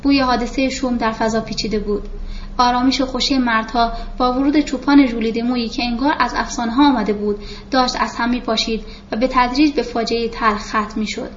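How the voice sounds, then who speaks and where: An audiobook narrator with a high voice reads a novel aloud in steady, scripted narration, barely changing her voice for the characters' lines. The audio is slightly muffled, with a faint hiss beneath it.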